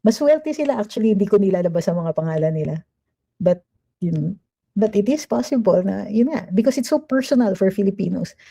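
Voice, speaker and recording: Very dark-voiced woman commentator. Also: medium pitch, a little fast, vocal fry, breathy edge. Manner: chatty, mixing Tagalog and English, emphatic. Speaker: political commentator reading viewer comments. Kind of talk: livestream commentary.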